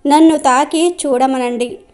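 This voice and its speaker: A woman voicing a proud, boastful giant silk-cotton tree in a storybook tale, in a high voice. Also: steady tone, a little slow, darkish tone, soft background music. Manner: boastful, then worried.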